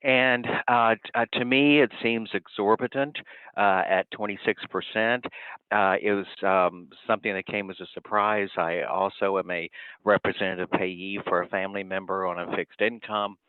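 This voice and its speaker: Man phoning in to a county meeting; low, halting, courteous delivery through a thin, dry phone line. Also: fairly even intonation, clear, resonant tone, no room sound. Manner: halting and polite, often trailing off. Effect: speaking over the phone. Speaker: resident giving public comment. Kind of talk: public comment at a county meeting.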